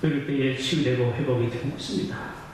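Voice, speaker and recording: A man's voice: medium pitch, steady tone, brisk, noisy background. Impassioned male pastor in an echoey church. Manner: impassioned preaching, voice swelling into near-chanted shouts. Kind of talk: sermon. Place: church sanctuary. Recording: very echoey church hall, mic far off.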